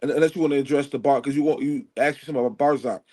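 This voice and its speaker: A man's voice: medium pitch, fairly even intonation, darkish tone. A man who joins a live online panel as a guest and argues his side, cutting in often and apologizing along the way. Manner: quick to interject, apologetic, then argumentative. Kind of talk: casual debate on a live panel.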